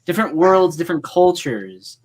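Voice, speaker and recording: A man co-hosting a casual livestream rambles on in long, filler-packed runs of enthusiastic fan talk. His voice is a little high and sing-song, at a moderate pace.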